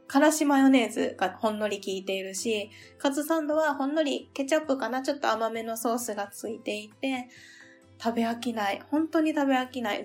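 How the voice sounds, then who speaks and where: A woman from the region of Japan, hosting her own podcast in a gentle, polite, chatty way with soft laughs. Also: medium pitch. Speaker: podcast host. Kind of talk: solo podcast chat, travel diary.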